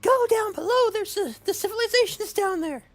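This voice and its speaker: A man voicing a small, angry male penguin soldier who shouts orders in a shrill, frantic voice. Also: lively intonation, brisk, no echo.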